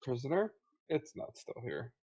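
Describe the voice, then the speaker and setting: Man playing Reaper, a curt, mid-pitched orc. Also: huge pitch swings, normal speed, a little mellow. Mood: dry disdain. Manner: curt, dry, condescending. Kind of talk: in-character tabletop role-play.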